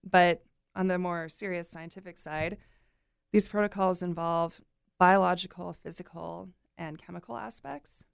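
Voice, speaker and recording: An upbeat young woman talks as an interview guest, chatty and quick to laugh. Her voice sits a little low with a gravelly edge, yet stays smooth and clear. The sound is close and dry. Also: fairly even intonation, no room sound. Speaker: guest, nonprofit communications coordinator. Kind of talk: casual interview chat.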